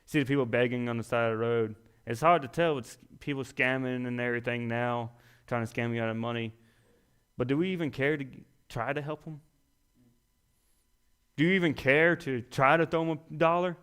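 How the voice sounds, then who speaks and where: A young man preaching a sermon in a folksy style, acting out other people's voices and building to loud, emphatic peaks. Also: medium pitch, fairly even intonation, fairly quick, clear, resonant tone.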